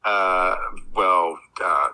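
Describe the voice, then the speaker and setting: A man's voice comes through a phone held on speaker. His tone is low-pitched but very bright and cutting. He talks in a halting, stammering way and keeps starting his sentences over. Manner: hesitant, stammering, repeats words. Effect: heard over a phone on speaker. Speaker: sibling called in as a guest. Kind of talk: casual phone chat.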